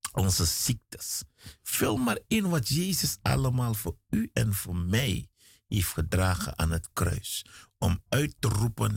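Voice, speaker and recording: Gravelly, slow preacher. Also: male voice, dry recording, studio quality. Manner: dramatic preaching with big swings in pitch; slow and emphatic, repeating phrases. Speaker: guest preacher. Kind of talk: radio sermon.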